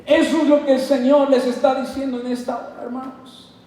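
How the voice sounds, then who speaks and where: High-voiced Mexican pastor in an echoey hall. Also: male voice, fairly quick. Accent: Mexican Spanish. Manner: animated, acts out dialogues in put-on voices. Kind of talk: sermon. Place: church hall. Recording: echoey hall, mic at a distance.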